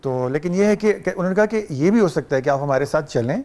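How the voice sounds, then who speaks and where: A man's voice: on the high side, lively intonation, darkish tone. A man with a Pakistani Urdu accent, a guest on a talk show, telling chatty anecdotes and mixing in English and Arabic phrases. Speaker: guest actor. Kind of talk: relaxed talk show storytelling.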